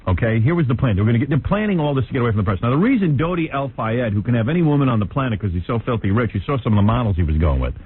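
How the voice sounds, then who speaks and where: A man's voice: medium pitch, lively intonation, rapid-fire, few pauses, slightly rough. A man hosting a radio talk show, brash and wisecracking as he rambles through the story, on an old tinny broadcast recording.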